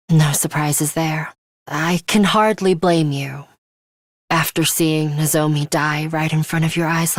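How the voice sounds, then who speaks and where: An actress with a low voice plays a stern, composed young woman fighter in an English video game. She is blunt and guarded, delivering her lines in a clipped, formal, matter-of-fact way with a somber, subdued mood. The recording is studio quality with no room sound.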